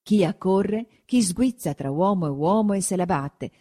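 A woman giving an expressive, dramatic audiobook reading of a classic novel. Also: lowish voice, measured pace. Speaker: narrator.

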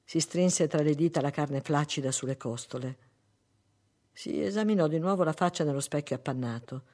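A narrator reading a literary story aloud in a measured, unhurried way. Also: medium pitch, a little mellow.

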